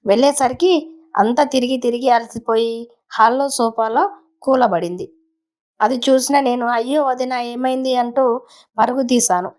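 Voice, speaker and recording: A woman narrating a first-person story in a conversational, unhurried way, with small restarts. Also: fairly high pitch, darkish tone.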